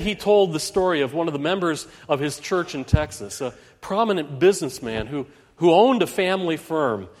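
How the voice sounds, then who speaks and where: A man's voice: high-pitched, big-room sound. A man preaching a Christmas sermon in a church, telling a story earnestly with frequent restarts.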